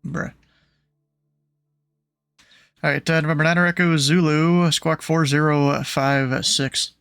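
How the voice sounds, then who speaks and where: A man's voice: fairly high pitch, steady tone, unhurried, vocal fry, fairly bright tone, smooth, no echo, studio quality. A man giving air traffic instructions as a controller, informal and hesitant, mixed with casual chat.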